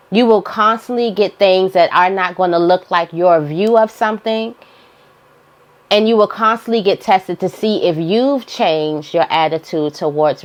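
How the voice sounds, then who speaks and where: A woman giving an informal, motivational spiritual monologue, repeating phrases for emphasis as she guides listeners. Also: lowish voice. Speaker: spiritual guidance host.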